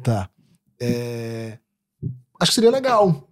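A man's voice: mid-range voice, very animated, takes it slowly. A man with a Brazilian Portuguese accent chatting casually in slang, persuasive and given to acting out bits of dialogue.

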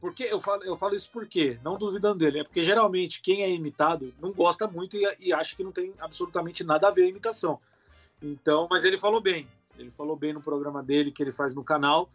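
Brazilian man, comedian guest, casual slangy talk, higher pitch. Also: quick pace, dull audio, faint music behind. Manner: relaxed, slangy, swears casually. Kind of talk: casual interview chat.

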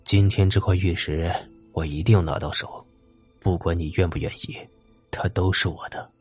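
A man's voice: fairly even intonation, moderate pace, husky, faint music behind. A man doing a cold, sneering army officer. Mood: menacing. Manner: low, quiet, sneering threats. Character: cruel, greedy male army officer, cold and menacing.

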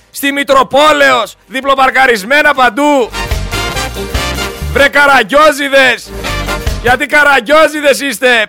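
High, gravelly man ranting with scorn. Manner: scornful, heated, mocking. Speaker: host. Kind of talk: indignant ranting monologue.

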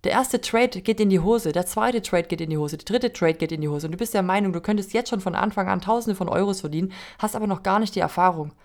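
A woman's voice: mid-range voice, fast talker, few pauses, darkish tone. A woman hosting a podcast, speaking earnestly in a coaching tone and putting rhetorical questions straight to the listener. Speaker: podcast host. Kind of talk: motivational podcast monologue.

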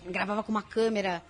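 A woman's voice: medium pitch, fairly bright tone. A woman from inland São Paulo state, chatting as an interview guest, laughing often and acting out quoted lines. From interior of São Paulo state, Brazil. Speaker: interview guest, video creator. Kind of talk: casual interview chat.

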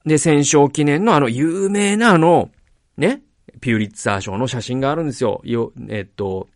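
A man hosting a podcast, talking casually about acting in films, animated and rambling, often breaking off and restarting his sentences. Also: fairly high pitch, normal speed, dry recording, studio quality. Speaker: podcast host.

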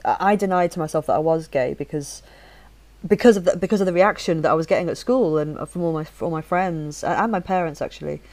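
A woman in her forties from Leeds, England, hosts a casual chat, talking fast and animatedly in a deep, darkish voice. Her soft northern English accent is faint and mostly neutral, and she often restarts her sentences.

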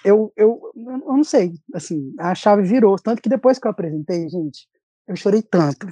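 A man's voice: sits high, lively intonation, normal speed, dark tone, slightly rough, no room sound. A young man with a Brazilian accent, telling a story animatedly in a casual chat with lots of restarts, from home over a video call. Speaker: recent graduate guest. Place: at home at his desk.

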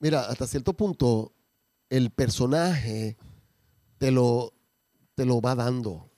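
A man, a comedian talking casually and reflectively with frequent pauses. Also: medium pitch, mellow, dry recording, clean studio sound. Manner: measured, pauses often, reflective. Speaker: comedian and character performer. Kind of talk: casual conversation.

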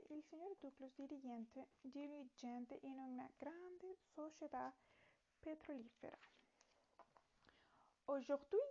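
A woman's voice: high voice, mellow, dull audio. A woman reading a French lesson aloud and translating it, hesitant and correcting herself. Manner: slow, hesitant reading with fillers and self-corrections. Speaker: language learner.

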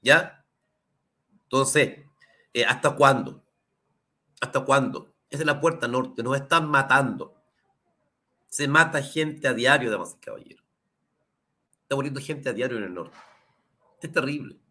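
A Chilean man, a lawyer hosting his own program, delivering impassioned political commentary with a hoarse, sore throat, asking the audience rhetorical questions. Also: mid-range voice, measured pace, long pauses, bright, forceful tone. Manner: indignant, rhetorical questions, addresses the audience directly.

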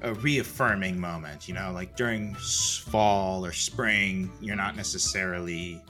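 A man playing a chatty, wistful evil necromancer who co-hosts a comedy podcast and speaks in a halting, casual way. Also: sits low, fairly even intonation, pushed and bright, faint music behind. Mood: wistful menace. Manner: halting, casual delivery of villainous lines. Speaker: podcast co-host. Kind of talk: improvised in-character comedy chat.

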